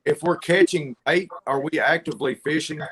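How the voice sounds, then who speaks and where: A man, a tournament angler, talking slowly and haltingly over a video call that keeps breaking up. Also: on the high side, fairly bright tone, slightly rough. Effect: on a video call with a breaking-up connection.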